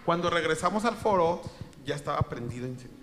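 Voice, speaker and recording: Male host, slightly high voice, animated and casual as he tells a story. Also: quick pace, a little hiss or hum. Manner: animated, retells events with quoted dialogue. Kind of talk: casual storytelling on a talk show.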